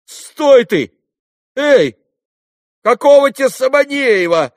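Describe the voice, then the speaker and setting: A man voicing an agitated, dim-witted young clerk who keeps shouting the same words, in a storybook reading. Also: very high voice, very animated, no echo, clean studio sound, pitched above the performer's own voice, heavily acted. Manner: shouting, repetitive, slow-witted.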